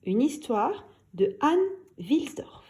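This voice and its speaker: A woman reading a children's story aloud in an expressive, animated storytelling manner. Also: on the high side, takes it slowly.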